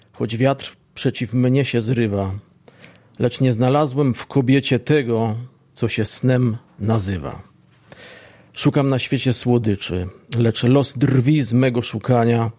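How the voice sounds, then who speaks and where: A young man, a student, reciting a poem in a slow, even way. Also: mid-range voice. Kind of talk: poetry recitation.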